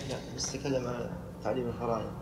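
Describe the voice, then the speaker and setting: A man reading a commentary aloud to his teacher in a quick, flat way. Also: medium pitch, crowd noise. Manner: flat, rapid recitation. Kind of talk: fast reading aloud of a text. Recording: distant, noisy, echoey hall recording.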